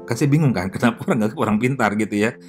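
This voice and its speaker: Male pastor, mid pitch, conversational sermon delivery, frequent fillers, faint guitar underneath. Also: racing. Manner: lively, chatty preaching with audience questions; filler-heavy, self-correcting delivery.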